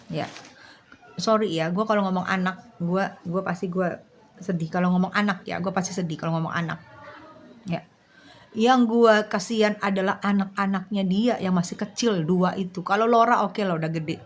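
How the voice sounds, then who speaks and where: A woman's voice: medium pitch, fairly bright tone. A woman, livestreaming and talking bluntly and directly to her viewers. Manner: blunt, slangy, speaks straight to her viewers. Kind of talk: live stream chat.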